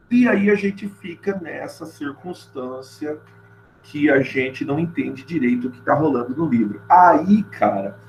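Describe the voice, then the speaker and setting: A man's voice: mid-range voice, a little hiss or hum, poor audio. Chatty Brazilian man teaching literature. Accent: Brazilian Portuguese. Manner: chatty and informal, keeps checking in with "tá?". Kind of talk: casual classroom lecture.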